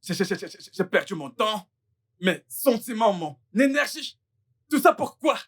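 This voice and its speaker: A man's voice: high voice, sing-song, a little slow, a bit bright, full character voice. A man dubbing an angry, betrayed young man who sternly orders a woman out in a French film dub. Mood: bitter. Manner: stern, stammering in anger.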